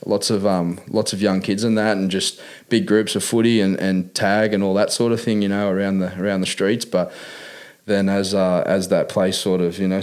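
With a low-pitched, slightly mellow voice, an Australian interview guest casually recounts his life, his talk relaxed, working-class and sprinkled with "man" and "mate."

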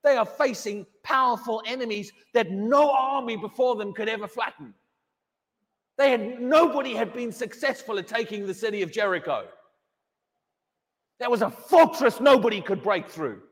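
A man's voice: very high-pitched, normal speed, in a large hall. A pastor preaching a sermon in a church, emphatic and questioning, often repeating his words.

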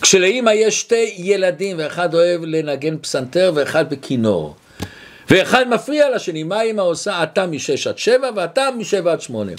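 A man teaching a religious lesson, explaining ideas with a story and acting out the people in it. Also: sits high. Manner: animated, acts out the people in his stories. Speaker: Torah teacher.

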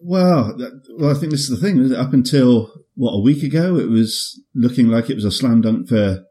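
A man's voice: medium pitch, expressive, moderate pace, warm tone. A man co-hosting a podcast in casual banter, with a dry, wry, joking manner. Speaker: podcast co-host.

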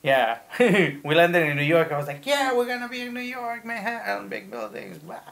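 Gravelly man from Ecuador, rambling stories. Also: high-pitched, normal speed. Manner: rambling, animated storytelling with profanity. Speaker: tattoo artist, guest. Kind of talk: casual interview chat.

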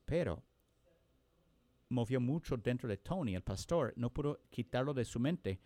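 A man telling a story during a sermon, earnest, with frequent pauses and restarts. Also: medium pitch, lively intonation, dark tone, dry recording. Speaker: preacher.

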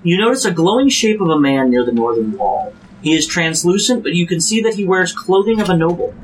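Male game master, a touch higher voice, measured descriptive narration, light noise. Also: low-quality recording. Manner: steady descriptive narration with fillers. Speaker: dungeon master. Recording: faint background noise.

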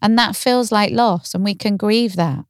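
A woman therapist co-hosting a podcast, talking calmly and reflectively, often explaining through gentle questions. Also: medium pitch, measured pace, clean tone, dry recording, studio quality. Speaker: therapist, co-host. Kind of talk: podcast conversation.

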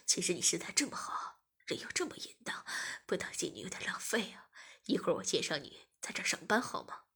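A woman voicing a smug, leering male masseur in a low, half-whispered tone. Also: very animated, a little fast, bright, forceful tone, slightly rough, full character voice. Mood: taunting.

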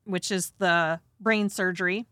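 A woman's voice: lowish voice, steady tone, measured pace, a bit bright, no echo, clean studio sound. A woman hosting and narrating from a script with casual, conversational asides and a dramatizing touch. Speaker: host.

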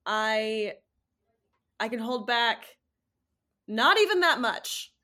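A woman's voice: a little high, expressive, takes it slowly, sharp tone. A woman co-hosting a casual podcast, joking with bawdy, self-mocking humor and laughing often. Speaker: podcast co-host. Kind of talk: casual chat.

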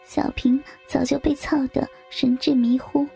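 High gravelly-voiced woman storyteller. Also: little pitch movement, unhurried, dark tone. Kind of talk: scripted narration of an erotic story. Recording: faint background music.

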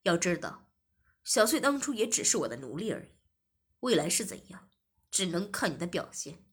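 A woman's voice: on the low side, big pitch swings, normal speed, husky, pitched below the performer's own voice. A woman doing a cold, domineering master. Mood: stern. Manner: cold, clipped, commanding.

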